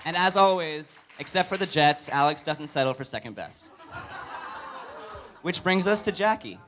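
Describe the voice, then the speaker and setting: A man's voice: on the high side, animated, moderate pace, background noise. Young man giving a joking wedding toast. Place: live speech at a wedding reception.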